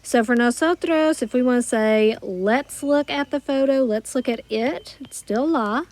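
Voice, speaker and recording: A woman teaching a recorded grammar lesson, explaining slowly and carefully with worked examples. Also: high-pitched, darkish tone. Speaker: Spanish teacher.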